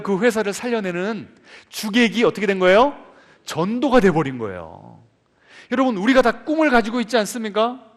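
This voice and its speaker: A male pastor preaching a sermon, telling a story and putting questions to the congregation. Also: high voice. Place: church sanctuary. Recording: long church reverb.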